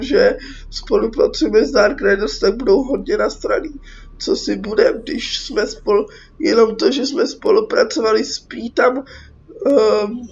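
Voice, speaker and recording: A young Czech woman, a gaming YouTuber, provides casual, sarcastic let's play commentary that's informal and full of swearing. Her medium-pitched voice is gravelly and a little mellow, captured on a dull lo-fi mic with faint noise.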